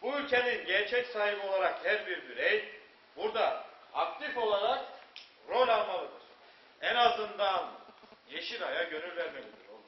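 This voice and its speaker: An actor playing a moralizing father who tells cautionary tales on stage, with dramatic pauses. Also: high voice, animated. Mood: earnest, instructive. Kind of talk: stage storytelling narration. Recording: echoey, muffled, noisy distant stage recording.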